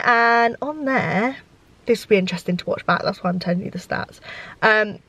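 A woman's voice: a little high, fairly bright tone, low-quality recording. A young woman, chatting casually to camera from her car, rambling with lots of fillers. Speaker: vlogger. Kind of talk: casual vlog chat. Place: inside a parked car.

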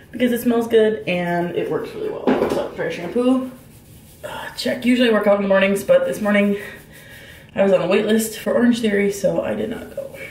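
Holding the camera at arm's length, this young business owner and vlogger chats fast and easily through her day, breaking into laughter and little tangents of ranting. Her medium-pitched voice has a slightly mellow quality as she moves from kitchen to bathroom and then into the car.

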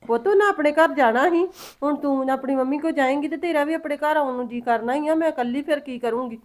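A woman's voice: sits high, fast, natural voice. An actress playing a middle-aged mother-in-law who coaxes, pries and scolds. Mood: coaxing. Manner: coaxing, prying, scolding. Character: fussing, caring mother-in-law. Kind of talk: family drama acting.

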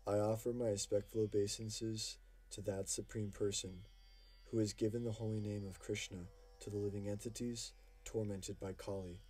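A man with a lowish, mellow voice reads devotional verses for an audiobook, slow and reverent. His tone is a little husky, and faint instrumental music plays underneath. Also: little pitch movement. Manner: slow, measured, reverent delivery. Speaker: audiobook reader. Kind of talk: devotional scripture reading. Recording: music playing faintly behind.

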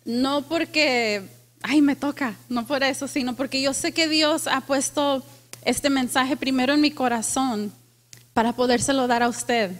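A woman pastor preaching a lively sermon to a congregation, asking them questions and dropping in English phrases. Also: high voice, a little slow. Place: church with congregation.

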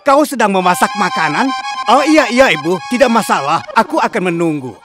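A man's voice: high-pitched, animated, fairly quick. An actor playing a brash young man talking to his mother on a payphone. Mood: sweet, patient. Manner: brash, bossy. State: talking into a payphone, one side of a call. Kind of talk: cartoon dub acting. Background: cartoon background music.

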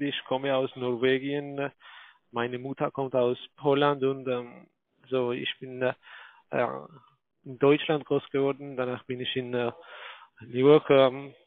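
A man who is not a native German speaker, talking haltingly on a phone call with many filler sounds and broken grammar. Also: mid-range voice, no room sound. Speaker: scam call center agent. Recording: tinny dry phone line.

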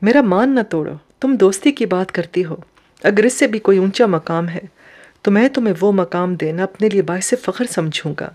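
A woman's voice: mid-range voice, darkish tone, lightly acted. A woman voicing a tender, earnest young man who is moved to tears.

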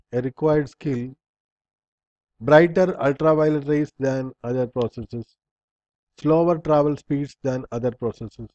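Man narrating a slide lecture, mellow dark voice, dry close sound, lo-fi screencast audio. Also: fairly high pitch, no echo. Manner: reads bullet points in short fragments, with slips and restarts. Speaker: instructor. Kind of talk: reading slides aloud in a recorded lecture.

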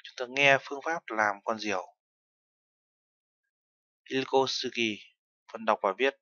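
A man's voice: mid-range voice, takes it slowly, sharp tone, no room sound, lo-fi sound. A man teaching a language lesson, explaining terms step by step and mixing in foreign words. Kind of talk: lesson narration.

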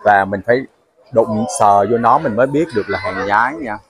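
A man's voice: lowish voice, moderate pace, background noise. A man narrating a casual travel vlog, chatting to viewers as he walks through a crowded night market. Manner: chatty, explains to viewers with fillers. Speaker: travel vlogger.

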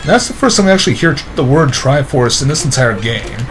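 A let's play commentator talks fairly quickly at an ordinary mid pitch, sounding tired and slightly hoarse yet very animated and a bit bright. His casual commentary is wry and self-mocking, with game music clearly audible behind him.

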